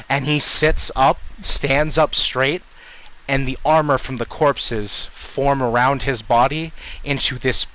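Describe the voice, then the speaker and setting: A man's voice: mid-range voice, sharp tone, rough recording. A man narrating as game master at a tabletop game, casual and loose, swearing and trailing off mid-sentence.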